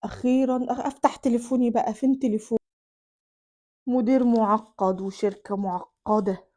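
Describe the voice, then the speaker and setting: A woman voicing a weary husband in an Egyptian accent, grumbling with loud exasperated bursts. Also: fairly high pitch, fairly even intonation, fairly quick, natural voice. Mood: grumbling tired.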